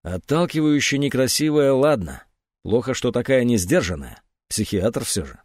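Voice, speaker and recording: A man narrating an audiobook in an expressive reading. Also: mid-range voice, normal speed, no room sound, studio quality. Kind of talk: scripted narration.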